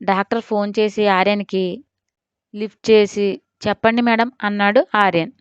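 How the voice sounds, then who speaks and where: A woman narrating a family drama with expressive storytelling. Her voice is smooth and resonant, recorded close and dry with a dull, lo-fi sound. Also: mid-range voice, moderate pace, no echo. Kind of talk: scripted narration. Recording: dull lo-fi audio.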